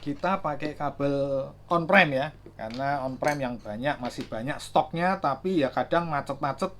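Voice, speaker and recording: A gadget reviewer with a medium-pitched, fairly bright voice casually demos chargers at normal speed. He thinks aloud, reads out numbers, and uses lots of fillers, with slight noise in the background.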